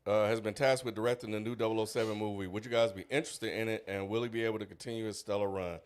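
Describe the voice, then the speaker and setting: A man's voice: fairly low pitch, rapid-fire, smooth. A man co-hosting a casual podcast, reading out listener questions from the chat and chatting loosely. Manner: relaxed, reads out listener questions.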